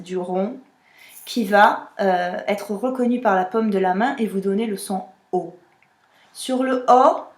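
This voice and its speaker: Woman singing teacher in an echoey room. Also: medium pitch. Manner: explanatory, demonstrates vowels with her voice. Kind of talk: vocal technique lesson.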